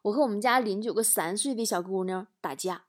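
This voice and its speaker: A woman's voice: medium pitch, fast. A woman talk show host telling funny stories with animation and acting out voices. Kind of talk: comedic storytelling.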